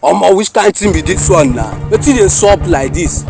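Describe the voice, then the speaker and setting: A man's voice: high-pitched, normal speed, creaky. A man with a Nigerian accent playing a bossy gang leader in a comedy skit, speaking Nigerian Pidgin. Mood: restless, grumbling. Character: bossy male street robber gang leader. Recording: loud music over the dialogue.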